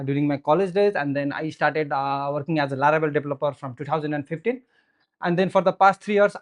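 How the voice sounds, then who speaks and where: A man from Nepal in his thirties with a Nepali accent, giving a meetup tech presentation into a handheld mic, earnest and explanatory with many "so" and "uh" fillers. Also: on the high side. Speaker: software engineer giving a meetup talk. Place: meetup room with audience, indoors. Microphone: handheld microphone.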